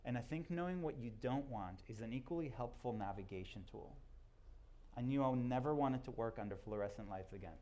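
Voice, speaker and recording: A man from Israel with Hebrew as his first language speaks to a live audience in a loose, conversational way, often restarting his sentences. His pitch sits in the middle range, and at times he drifts a little further from the mic. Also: expressive, dark tone, a little hiss or hum. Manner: conversational, self-deprecating, halting restarts.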